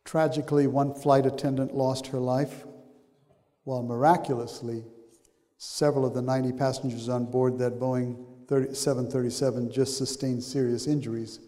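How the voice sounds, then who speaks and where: An older man from Sri Lanka gives a church sermon, talking in a loose, rambling way full of fillers and restarts. His voice is mellow and dark, and it rings with long reverb through a large sanctuary. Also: mid-range voice, level tone, moderate pace. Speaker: pastor. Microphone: handheld mic.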